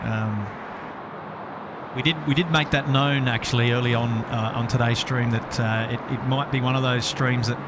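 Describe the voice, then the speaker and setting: A man's voice: medium pitch, steady tone, moderate pace. A man with a broad Australian accent hosting a casual livestream, chatting in a matey, colloquial way. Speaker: livestream host. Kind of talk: casual live plane-spotting chat. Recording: outdoor, loud traffic and vehicle noise. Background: loud outdoor city and vehicle noise.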